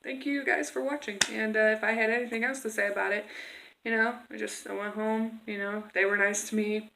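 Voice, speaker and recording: Higher-voiced woman vlogging in an echoey room. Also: steady tone, a little fast, gravelly, background noise. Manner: rambling, conversational, acts out quoted exchanges. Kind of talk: casual personal storytelling to camera.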